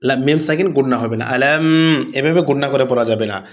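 A man teaching Quran recitation rules, stretching out words slowly as he recites, then explaining the rules and answering his own questions. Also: medium pitch, darkish tone. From Bangladesh. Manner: asks questions and answers them himself. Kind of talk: Quran lesson with slow drawn-out recitation and explanation.

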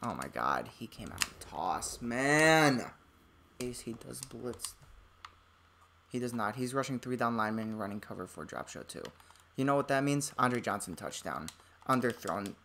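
A man giving live commentary on a football video game, excitable, dropping from low muttering to loud outbursts at the game. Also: measured pace, vocal fry, a little hiss or hum. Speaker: gaming streamer.

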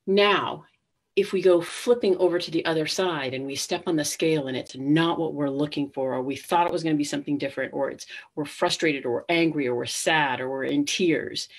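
Middle-aged woman, webinar host, husky voice, chatty and direct with listeners. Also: sits low. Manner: conversational, addresses listeners directly. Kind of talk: live webinar presentation.

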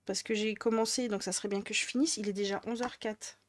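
Woman, northern French accent, casual rambling vlog chat, mid pitch. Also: fairly even intonation, brisk, dry recording. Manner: rambling, chatty, many fillers. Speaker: crafting vlogger.

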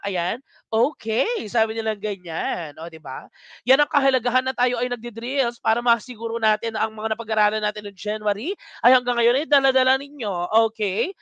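A young adult exam reviewer from Pampanga runs a live online lecture in a bright, sharp voice. The delivery is chatty and animated, dotted with exclamations and quick tag questions. The sound is dry and close. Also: mid-range voice, no room sound. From Pampanga, Philippines.

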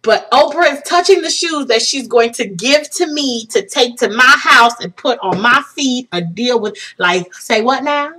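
A woman vlogger telling a story in casual chat, excitable and tearful, laughing and choking up as she talks. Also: a little high, measured pace, hardly any pauses. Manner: excitable, gushing, breaks into laughter and tears.

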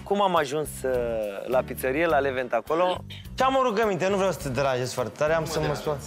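A man's voice: on the high side, animated, soft background music. Polite, eager man. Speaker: reality show contestant.

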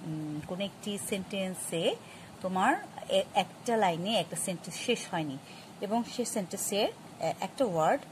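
A woman teaching a grammar lesson, explaining patiently to students with many pauses and restarts. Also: medium pitch, noisy background. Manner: patient, addresses students directly. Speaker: English teacher.

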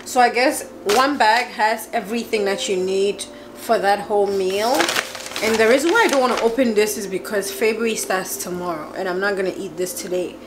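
In her kitchen, a woman in her twenties chats casually for a home vlog, excitable and laughing often. Her voice sits at a medium pitch and moves fairly quickly over a noisy background.

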